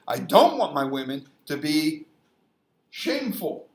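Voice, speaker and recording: A man's voice: fairly high pitch, big pitch swings, a little slow. Emphatic man in an echoey room. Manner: emphatic, repeats phrases to press a point. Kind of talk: casual debate, explaining religious values.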